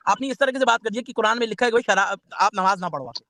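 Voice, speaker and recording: A man whose first language is Urdu, calling into a live debate, who talks defensively with halting restarts and asks for calm. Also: high-pitched, no echo, studio quality. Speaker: caller in a livestream debate.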